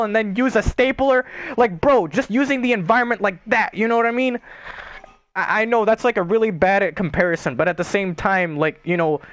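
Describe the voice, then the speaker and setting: A man's voice: high voice, fairly bright tone, no echo. A young man chatting casually on a gaming stream, rambling and swearing with lots of filler words.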